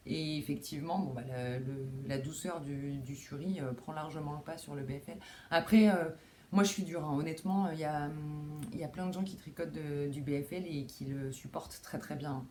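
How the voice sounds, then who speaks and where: A young woman's warm, low-pitched voice runs a little fast, with slight background noise. Hosting a knitting video podcast from a home room with a window, she keeps the chat casual, with plenty of fillers, restarts and self-deprecating asides.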